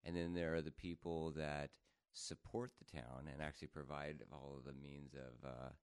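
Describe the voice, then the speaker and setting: Deep nasal man from northern Idaho, smooth crisp voice, dry close sound, casual podcast talk. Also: fairly even intonation, moderate pace, no room sound. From northern Idaho, USA. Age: adult, married. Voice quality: a little nasal. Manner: enunciates carefully. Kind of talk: casual chat.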